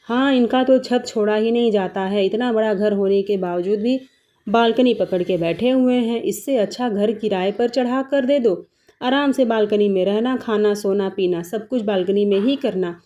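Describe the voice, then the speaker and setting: A woman's voice: mid-range voice, normal speed, dark tone, highs cut off, close to an everyday voice. A woman voicing a nosy female neighbor in a cartoon story, talking in a teasing, sarcastic way. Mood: mocking.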